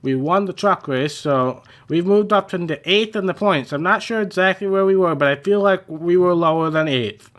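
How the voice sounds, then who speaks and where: A young man giving casual, rambling commentary over his racing game, a little hoarse and self-deprecating, with many fillers. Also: sits high, moderate pace, fairly bright tone. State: slightly losing his voice. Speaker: gaming channel host.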